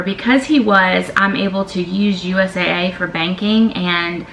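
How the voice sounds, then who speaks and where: A middle-aged vlogger with a Southern American accent answers tag questions in a casual, emphatic way, often saying "y'all." Her voice is low, creaky, and sharp, recorded in an echoey room with faint ambient noise.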